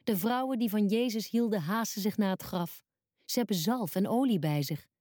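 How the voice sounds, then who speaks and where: A woman with a mellow, warm voice reads a children's story aloud in a calm, clear and simple way. The recording is close and dry, with no room sound. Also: mid-range voice, moderate pace, dry recording. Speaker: storybook narrator. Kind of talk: scripted narration of a children's Bible story.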